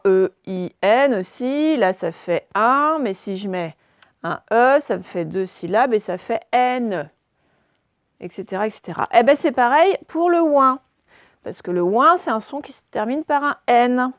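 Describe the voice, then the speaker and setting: A woman's voice: fairly high pitch, no echo. A woman teaching a phonics lesson to young children, patiently spelling out letters one by one.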